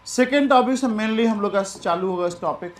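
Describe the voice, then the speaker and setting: Chatty high-voiced male maths teacher. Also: normal speed, reverberant. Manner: mixes Hindi and English, chatty, repeats phrases. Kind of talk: lecture.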